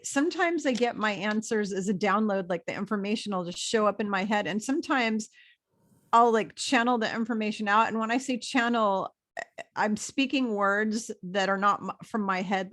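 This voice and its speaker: A woman guest in a casual video interview chat talks about her spiritual work in a chatty, enthusiastic, rambling way. Her voice is mid-range and a bit bright.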